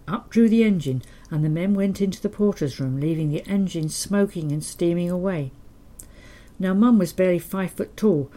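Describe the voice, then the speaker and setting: An elderly woman reads from her memoir in a low, mellow voice. Her telling is gentle and quietly wry. She keeps an even storyteller's pace. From England. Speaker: memoir narrator. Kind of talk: reading a childhood memoir.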